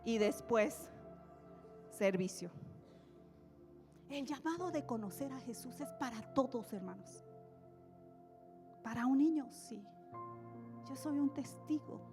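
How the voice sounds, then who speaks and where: A woman preacher giving an animated, dramatic sermon in a church. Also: a little high. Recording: echoey church hall, soft music.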